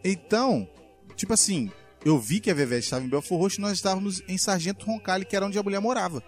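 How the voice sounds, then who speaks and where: A man's voice: high voice, quick pace, soft background music. A man, telling a childhood story on a podcast and acting out the other people in it. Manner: animated, acts out his mother's lines. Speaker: podcast co-host. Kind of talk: casual storytelling.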